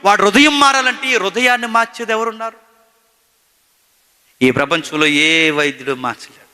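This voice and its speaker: A man preaching a sermon, swinging between loud emphatic questions and hushed storytelling. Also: high voice, animated, moderate pace, smooth. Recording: long hall reverb.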